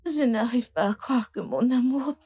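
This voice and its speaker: A woman's voice: a little high, expressive, mellow, husky. A sobbing heartbroken girl. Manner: sobbing, halting. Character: heartbroken young woman weeping over her prince. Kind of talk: French film dub.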